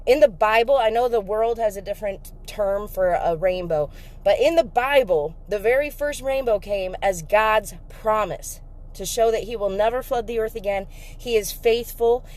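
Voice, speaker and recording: A woman telling an emotional faith story in a casual vlog, emphatic and excitable, breaking into laughter. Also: medium pitch, normal speed. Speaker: faith vlogger.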